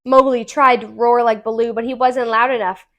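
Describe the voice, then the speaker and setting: Reading a children's book aloud, this tutor uses a voice that sits a little high. The narration is animated yet measured.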